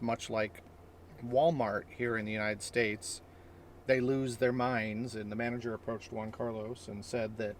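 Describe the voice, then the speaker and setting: A man's voice: medium pitch, a little hiss or hum. Chatty man vlogging from his car. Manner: chatty and upbeat, explaining to the camera. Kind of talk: casual vlog chat. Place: in a car and inside a store.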